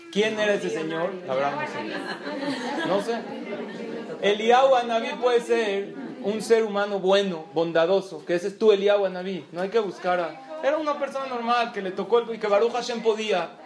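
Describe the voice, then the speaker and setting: Man, high voice, animated religious lecture, echoey room. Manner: animated storytelling, acts out dialogue. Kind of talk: storytelling lecture.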